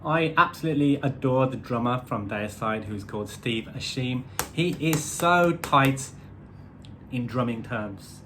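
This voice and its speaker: A man's voice: medium pitch, expressive, unhurried, sharp tone, slight background noise. A man giving a casual, rambling album review with wry asides, using musician's terms like semiquavers and odd time signatures.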